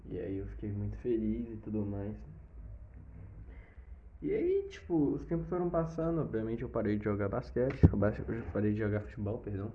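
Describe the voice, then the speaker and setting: A young man with a Brazilian accent telling a personal story in a casual, animated way, with sound effects and swearing. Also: on the low side, normal speed, slight background noise. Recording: slightly dull lo-fi recording.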